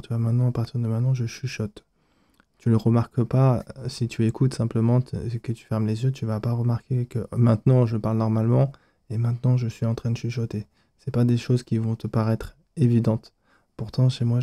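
A man hosting a step-by-step software tutorial, talking straight to the listener and walking through each setting. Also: medium pitch. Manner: explains step by step, addresses the listener as "tu". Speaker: streaming tutorial host. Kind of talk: screen-recorded software tutorial.

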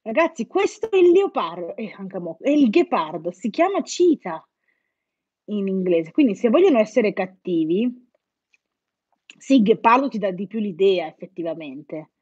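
A woman's voice: mid-range voice, very animated, normal speed, a little mellow, husky, dry recording. A woman teaching English as a playful, teasing host of a live quiz, chatting with her viewers. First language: Italian. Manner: playful, teasing, jokes with students. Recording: dull, lo-fi live-stream audio.

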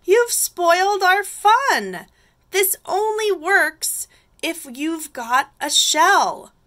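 Excitable, scornful little snails from a children's storybook, acted by a woman reading aloud. They cry out in a very high, forceful voice with big swoops. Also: extremely slow, heavily acted. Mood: scolding. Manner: crying out, exclaiming. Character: excitable, scornful crowd of snails, easily panicked. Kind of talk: children's picture book read-aloud.

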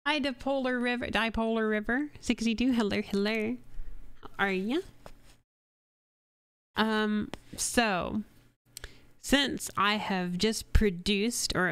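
Woman, radio ad producer, casual stream chat, middle pitch, dry close mic, swears at slip-ups. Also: clear, resonant tone, no echo. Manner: chatty, swears when she slips, bright upbeat ad reads. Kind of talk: casual livestream chat with read commercial takes.

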